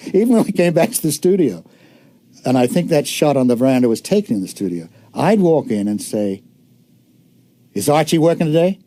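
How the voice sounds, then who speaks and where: An older man, an actor recalling a film shoot in an archive interview, telling it with lively mock outrage. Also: mid-range voice, fairly quick, no echo.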